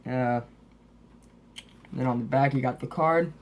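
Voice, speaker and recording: A man hosts a casual show-and-tell in a loose, rambling way. His braces give him a noticeable lisp, and he sounds a bit sniffly from being under the weather. His pitch sits in the middle for a man. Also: steady tone, measured pace. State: slightly sick, sniffly. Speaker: host of a wrestling DVD collection update.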